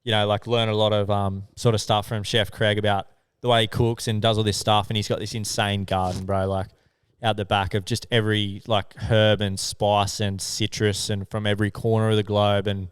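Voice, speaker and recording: A young man with an Australian accent tells stories on a podcast in a loose, sweary way. His voice sits low and sounds clean and smooth, recorded dry and close. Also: moderate pace, no echo. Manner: laid-back, swears often, animated when telling stories. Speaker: podcast co-host. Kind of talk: casual storytelling chat.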